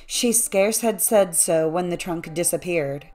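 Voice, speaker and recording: A woman narrating a classic fairy tale as an audiobook, in a measured, even storytelling manner. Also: lowish voice, faint music behind.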